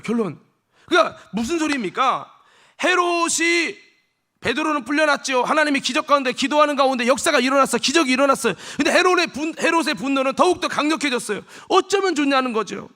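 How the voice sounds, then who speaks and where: A man preaching a sermon as senior pastor in a church, animated, acting out scenes in dialogue and leading the congregation in shouted responses. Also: very high-pitched. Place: church sanctuary.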